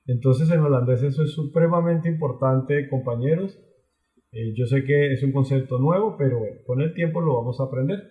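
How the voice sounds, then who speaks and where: A man teaching an online language lesson, explaining patiently and slowly, often repeating phrases. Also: medium pitch, reverberant, phone-quality sound. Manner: slow, patient explaining with many repetitions.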